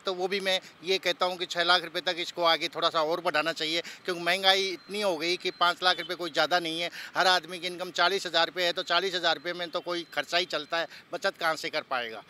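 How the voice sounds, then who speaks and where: A man in a street interview outdoors, calmly laying out his suggestions. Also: high-pitched. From Rajasthan, India. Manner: measured, giving suggestions.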